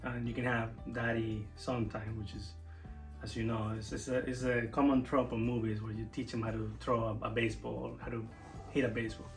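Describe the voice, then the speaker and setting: A young man from Venezuela talks casually and earnestly to camera, thinking aloud and restarting his sentences. His voice sits at an everyday middle pitch. Faint music plays behind him. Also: little pitch movement, fairly quick, poor audio. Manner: earnest, reflective, many restarts. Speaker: co-host of a family channel.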